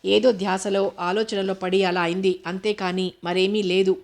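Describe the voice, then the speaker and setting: A woman's voice: mid-range voice, level tone, normal speed, creaky, a little mellow, natural voice. A woman reading a young man's pleading lines. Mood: apologetic. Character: young man, remorseful then exasperated lover.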